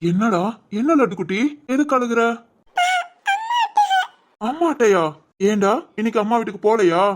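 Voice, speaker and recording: A woman voicing a patient young father who soothes his crying daughter, in an animated family story. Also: medium pitch, moderate pace, long pauses, heavy background noise, close to an everyday voice. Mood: soothing. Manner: soothing, reassuring.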